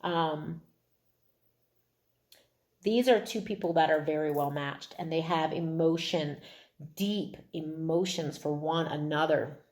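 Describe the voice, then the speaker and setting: A woman's voice: low voice, a little mellow. A woman giving a casual, intimate tarot reading to viewers in an informal, effusive way, with mild swearing. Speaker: tarot card reader.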